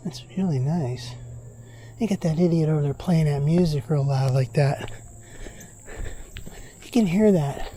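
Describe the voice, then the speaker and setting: A man's voice: fairly high pitch, measured pace, pauses often, dark tone, slight background noise. A man walking outdoors on a wooded trail, giving casual running commentary with chatty, grumbling remarks to himself, a little out of breath from the uphill walk.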